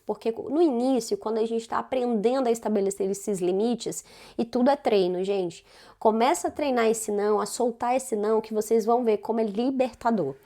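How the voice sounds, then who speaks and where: A Brazilian Portuguese accent colors this woman's mid-range, dark-toned voice as she chats about self-development in a casual, conversational way. She frequently tags her sentences with questions.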